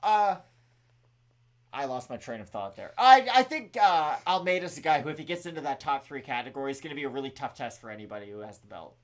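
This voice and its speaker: A man's voice: mid-range voice, big pitch swings, fast. A man co-hosting a live fight watch-along, giving casual, opinionated analysis of the fighters. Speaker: co-host.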